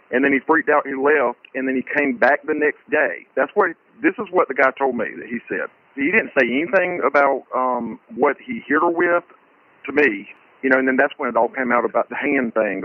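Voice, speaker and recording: An anonymous male source whose voice is disguised by an altering filter, recounting what he heard in a halting way with many fillers. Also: medium pitch. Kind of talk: recounted hearsay in an interview. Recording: dry, phone-like disguised audio.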